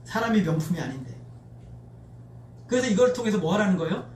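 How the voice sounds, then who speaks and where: Brisk and high-voiced, the male pastor leads a call-and-response sermon with lively expressiveness. The sound is that of an echoey church sanctuary picked up from a distance, with faint noise.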